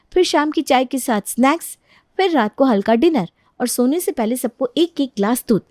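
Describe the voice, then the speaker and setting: A woman voices a feisty, argumentative young daughter-in-law in an animated family story, lecturing in an exasperated way. Her voice is high, and the recording is dry and studio quality.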